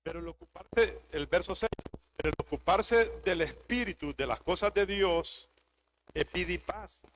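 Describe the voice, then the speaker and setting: A pastor preaching a sermon, driving points home with emphatic repetition. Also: male voice, high-pitched, normal speed, fairly bright tone, a little hiss or hum.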